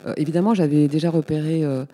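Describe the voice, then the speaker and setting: A woman in her fifties from Paris, talking as a guest in a casual radio interview, chatty and pausing often with fillers. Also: low-pitched, steady tone, dark tone, in a large hall, a little hiss or hum. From Paris, France. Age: 50s. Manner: chatty, hesitant with many fillers. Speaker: guest, community space coordinator.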